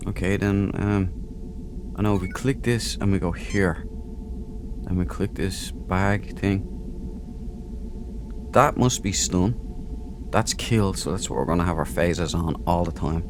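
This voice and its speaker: With a deep voice, a measured pace and long pauses, a man hosts a let's play, keeping it casual and playful with chatty jokes on the side. Game ambience can be heard clearly beneath him.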